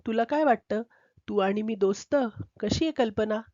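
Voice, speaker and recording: A woman's voice: mid-range voice, moderate pace, mellow, no echo, lightly acted. A woman voicing a lonely male cat who keeps coaxing animals into being his friend, in a chatty storybook manner. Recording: dull, dry lo-fi recording.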